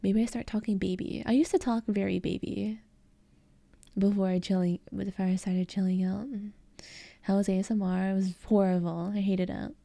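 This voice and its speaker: A young woman streamer chatting casually on a close mic, soft-spoken and giggly, rambling with lots of fillers. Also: mid-range voice, level tone, moderate pace, vocal fry, no echo. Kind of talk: casual ASMR stream chat.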